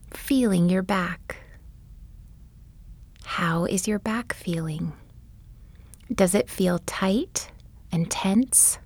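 A woman guiding a bedtime body-scan meditation, speaking softly and gently, often in a whisper. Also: medium pitch, no room sound. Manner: soft, often whispered delivery; gentle, soothing and unhurried. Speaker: meditation guide.

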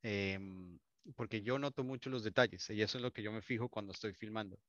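A man's voice: lowish voice, fairly quick, no echo, lo-fi sound. A Colombian man with a Colombian Spanish accent, a wedding videographer telling stories in a casual interview, with many restarts. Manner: warm storytelling, many restarts.

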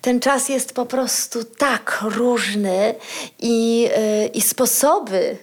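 A woman's voice: a little high, slow. A woman hosting a podcast interview, asking questions and encouraging her guest with affirming murmurs. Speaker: podcast host.

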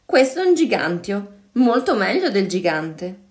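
A woman reading aloud gives voice to a tiny, cheerful little spider from a children's storybook, patient and friendly. He speaks up with a bright, lively push, eager to calm his friends down. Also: mid-range voice, measured pace. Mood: insistent.

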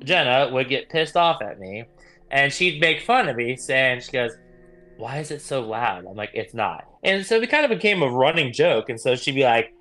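A man's voice: mid-range voice, animated, moderate pace, sharp tone, soft background music. A young man co-hosting a podcast, chatting casually and telling rambling stories with the odd swear word. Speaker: podcast co-host. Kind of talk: casual chat.

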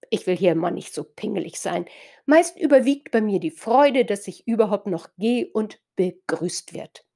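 A woman's voice: medium pitch, gravelly, dark tone. A woman from northern Germany delivering a reflective spoken essay, thoughtful and playful with words, addressing her listeners directly.

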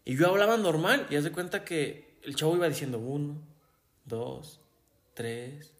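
A man with a Jalisco Mexican accent, chatting casually and telling animated anecdotes, often laughing and acting out the voices of people in his stories. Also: fairly high pitch, normal speed. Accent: Mexican Spanish, Jalisco. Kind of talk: casual conversation, storytelling.

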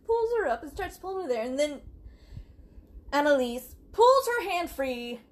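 A woman's voice: high-pitched, sing-song, moderate pace. A woman co-hosting a casual podcast, telling a true story in a chatty way, laughing and acting out quotes. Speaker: podcast co-host.

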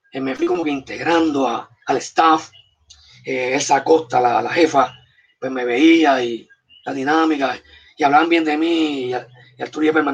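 A husky-voiced man with a Puerto Rican accent talks about comics in a relaxed interview, rattling off emphatic advice in short bursts. He sits back from the microphone, so his voice comes through a little far off and muffled. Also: a little high. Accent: Puerto Rican Spanish. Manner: emphatic, gives punchy advice in short commands. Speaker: comics artist guest. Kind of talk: casual interview storytelling. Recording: distant, dull, muffled mic.

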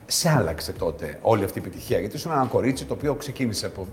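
Lively-voiced man hosting an interview. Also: on the low side, in a large hall, faint music behind. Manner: friendly interjections and questions. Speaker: interview host. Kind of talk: casual interview.

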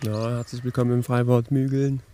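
A man's voice: medium pitch, level tone, brisk, warm tone, lightly acted. A man playing a stern, fussy pool attendant who scolds and stammers in a comedy sketch. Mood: scolding. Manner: scolding, stammers and repeats himself. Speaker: podcast host.

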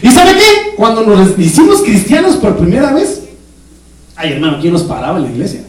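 A male pastor preaches with a very high, lively voice that rises and falls all the time. He jokes and laughs with the congregation, then breaks into shouts. The echoey church hall and the distant mic give the sound a lot of room. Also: a little fast. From Guatemala. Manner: jokey, animated preaching with laughter and sudden shouts. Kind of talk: sermon.

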